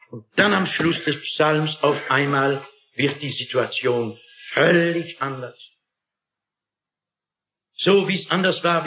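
In a dull, echoey lo-fi recording, a man delivers a dramatic, emphatic sermon and keeps asking his audience rhetorical questions. His voice is a little high with a sharp edge.

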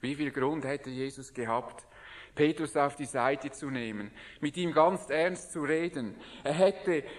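A man preaching a sermon in an earnest manner, sometimes dropping to a hushed voice. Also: a little high, unhurried, big-room sound.

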